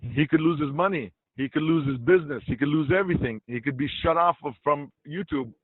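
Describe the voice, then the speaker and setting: A man's voice: a little high, brisk, slightly rough, no echo. A man from Iraq, an interview guest, talking bluntly and swearing freely. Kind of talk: casual interview talk. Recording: dull lo-fi dry sound.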